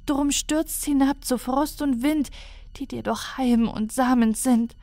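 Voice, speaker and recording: A woman's voice: high-pitched, slow, warm tone, no echo, pitched above the performer's own voice. Woman voicing a despairing alien girl. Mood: solemn recital. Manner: pleading, trembling with despair. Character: young female alien weaver, fearful and despairing. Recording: dry close recording with faint music.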